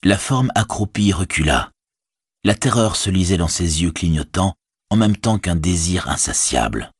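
A man reads a fantasy story aloud in a very deep, husky voice. His intonation rises and falls widely, and the recording is dry and close. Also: no room sound. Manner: measured, expressive reading. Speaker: audiobook narrator. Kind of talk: scripted fantasy narration.

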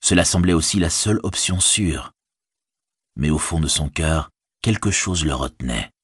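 A man narrating a fantasy audiobook in a measured, expressive reading voice. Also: rumbling low, slightly rough, no echo, studio quality.

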